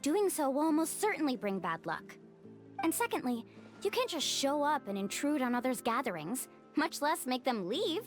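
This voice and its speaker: Mualani, animated high-voiced young guide. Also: female voice, moderate pace, soft background music. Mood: indignant. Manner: confident, explanatory, animated. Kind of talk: video game voice acting.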